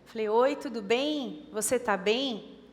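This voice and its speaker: A woman's voice: a little high, slow pace, big-room sound, a little hiss or hum. A woman with a Brazilian Portuguese accent preaching a sermon, urging and repeating her points with emphasis. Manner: emphatic, repetitive exhortation. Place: church.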